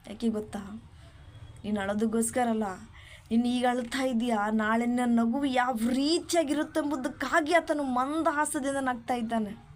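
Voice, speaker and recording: A woman preaching a sermon, talking straight to the listener and often dropping a soft hallelujah. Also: a little high. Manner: exhorting, often saying hallelujah softly; speaks straight to the listener as you.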